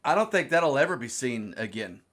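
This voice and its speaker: A man's voice: mid-range voice, big pitch swings, brisk, a bit bright. A man from South Carolina with a Southern US accent, chatting loosely about sports on a podcast and often repeating words as he starts a thought. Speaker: podcast co-host. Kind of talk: casual chat.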